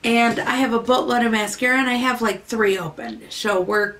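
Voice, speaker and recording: A woman's voice: on the high side, moderate pace, a bit bright. A woman beauty vlogger casually chatting through a makeup unboxing, rambling and easily delighted, sometimes in a sing-song voice.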